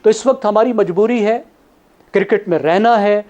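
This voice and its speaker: A man analysing on a talk panel, working through his argument point by point. His voice is mellow and dark, and he keeps an even, steady delivery. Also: high-pitched, normal speed, muffled recording. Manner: methodical, counts points in order.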